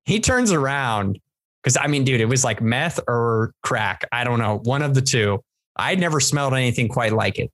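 A man's voice: mid-range voice, expressive, normal speed, a bit bright, no room sound. A man from San Diego, a podcast co-host, telling a long story in casual chat with lots of restarts. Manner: rambling storyteller, many restarts.

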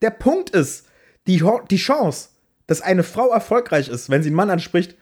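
A young man co-hosting a podcast in casual slangy chat, ranting with quick asides. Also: sits high, very animated, a little mellow, slightly rough. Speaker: podcast co-host and streamer.

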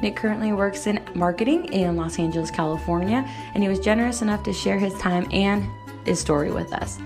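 A woman's voice: medium pitch, brisk, music in the background. A woman hosting a podcast, upbeat and chatty, who laughs easily as she interviews a guest. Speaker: podcast host.

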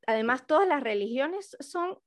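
A woman's voice: high-pitched, lively intonation, moderate pace, no echo, studio quality. A woman in her thirties hosting a casual chat, talking in a thoughtful, reflective way. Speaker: host.

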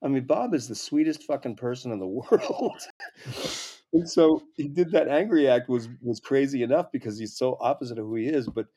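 A man's voice: medium pitch, lively intonation, normal speed, dark tone, husky. A man, a comedy writer, guesting on an interview show and telling rambling, profane stories full of restarts. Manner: rambling, swears often, many restarts. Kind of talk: casual anecdote telling.

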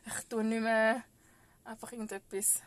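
A woman with a Swiss German accent, co-hosting a podcast and telling a story in casual chat, animated and often laughing. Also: a little high, moderate pace. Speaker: podcast co-host.

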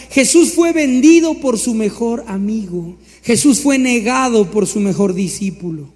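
A man's voice: high-pitched, darkish tone. A man preaching a sermon as a pastor, emphatic and repetitive, sometimes mimicking other people. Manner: acts out voices of others in mocking tones. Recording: long hall reverb.

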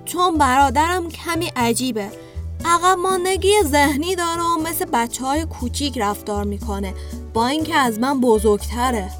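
A man voicing a young boy in a storybook reading, with a high boyish put-on voice. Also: a bit bright, faint music behind. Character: young boy, embarrassed and evasive. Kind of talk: storybook voice acting.

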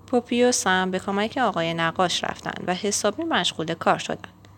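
A woman reading a children's picture book aloud in a gentle, expressive storytelling manner. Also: on the low side, a little hiss or hum. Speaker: storybook reader.

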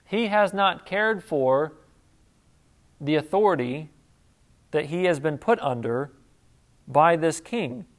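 A man's voice: a little high, lively intonation, takes it slowly, long pauses. A man preaching an expository sermon, explaining a passage in a conversational way in short phrases. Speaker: pastor.

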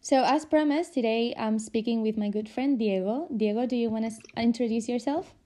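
A woman's voice: fairly high pitch, fairly quick, mellow. A young adult woman hosting a podcast, introducing her guest in a friendly way with frequent ums. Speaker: podcast host.

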